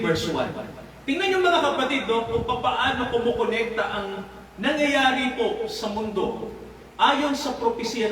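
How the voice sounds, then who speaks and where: Male preacher, high voice, keeps asking the crowd stuff, booming echoey hall, mic kinda far off. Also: fairly bright tone, a little hiss or hum. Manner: addresses listeners often, asks them questions, laughs often. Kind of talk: Bible study sermon.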